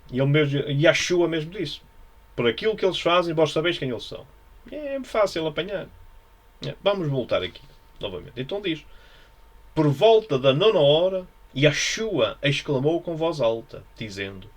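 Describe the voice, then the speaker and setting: Portuguese man, slightly high voice, informal Bible study teacher, rambling and repetitive. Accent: European Portuguese. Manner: musing, repetitive, frequent tag questions. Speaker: religious teacher.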